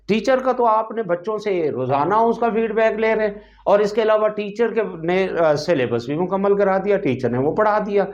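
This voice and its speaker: A man's voice: on the high side, darkish tone, highs cut off. A man giving talking-head commentary, indignant, firing off rhetorical questions and leaning on fillers as he talks.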